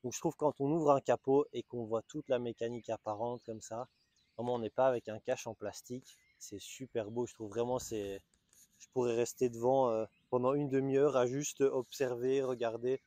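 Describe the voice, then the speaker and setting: A man's voice: medium pitch, fairly even intonation, normal speed, dark tone, no room sound. A man with a Belgian French accent, presenting a car in a casual, enthusiastic walkaround with frequent restarts. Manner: enthusiastic, chatty, hesitant restarts. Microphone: small camera-mounted mic.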